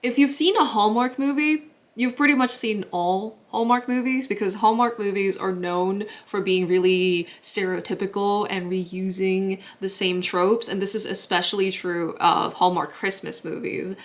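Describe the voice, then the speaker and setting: A woman's voice: mid-range voice, steady tone, normal speed. A young woman vlogger from Guatemala chatting to camera in a bubbly way, laughing often as she talks. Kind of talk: casual chat to camera.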